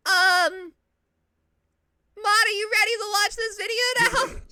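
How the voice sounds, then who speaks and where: A woman's voice: extremely high pitch, fairly even intonation, slow pace, bright, forceful tone, a little hiss or hum. A woman streamer chatting casually with a friend, her voice blown out and distorted through a clipping microphone she is holding in her hand. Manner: chatty and playful with her co-viewer. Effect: blown-out, clipping distorted mic audio. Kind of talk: casual chat reacting to a video. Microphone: handheld desk mic after its arm broke.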